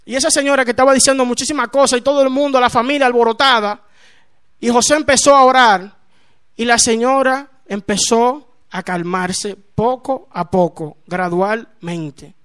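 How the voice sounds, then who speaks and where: A man's voice: extremely high pitch, steady tone, brisk, a bit bright, clean tone. A man preaching a fervent sermon in a church, breaking into praise interjections and acting out dialogue. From Dominican Republic.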